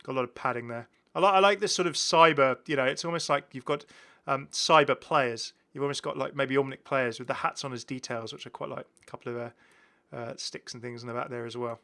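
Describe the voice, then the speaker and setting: Hosting a gaming video, a British man speaks fairly quickly in a bright, forward voice of middling pitch. His casual, keen commentary rambles, and he often rewords things partway through.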